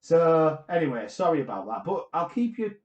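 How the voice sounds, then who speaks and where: Animated man telling a story. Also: a little high, normal speed, roomy sound, dull audio. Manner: deadpan storytelling with sudden shouted outbursts. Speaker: podcast co-host. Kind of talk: comedic podcast chat.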